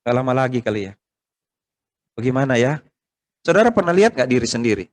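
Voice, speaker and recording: A middle-aged man, preaching a conversational sermon and asking the congregation questions, loud emphatic bursts giving way to quiet asides. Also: sing-song, fast talker. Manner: swings between loud rising emphasis and quiet low asides. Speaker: pastor. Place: church service hall, streamed online.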